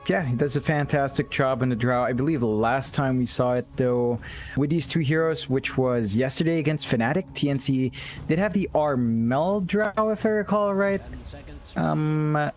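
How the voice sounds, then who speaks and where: A man casting an esports match, giving quick analytical draft commentary with stammered restarts. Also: mid-range voice, soft background music. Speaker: esports caster.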